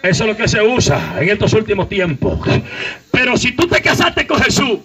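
A man preaching a fiery outdoor sermon, exhorting the crowd and breaking into sudden shouts. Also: high voice, huge pitch swings, normal speed, husky. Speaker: evangelist preacher. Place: outdoor night vigil.

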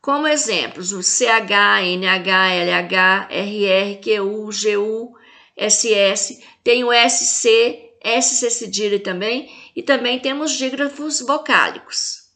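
Slow, bright-voiced Brazilian woman teacher. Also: mid-range voice. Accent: Brazilian Portuguese. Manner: spells out letters and stresses each word for the children. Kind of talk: slow video lesson for young children.

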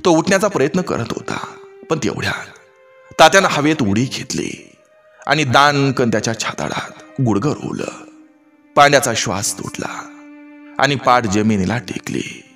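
A man's voice: mid-range voice, animated, normal speed, a bit bright. A man narrating a story aloud with a vivid, dramatic reading. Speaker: story reader. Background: faint background music.

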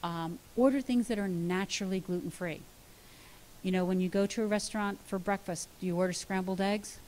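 A middle-aged American woman gives a conference talk on diet, mid-pitched and emphatic. She tells stories and acts out the voices in them, over a faint hiss. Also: brisk, darkish tone, low-quality recording. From United States. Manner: storytelling, acts out dialogue, emphatic. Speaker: dietitian giving a conference talk. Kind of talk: lively practical talk to an audience.

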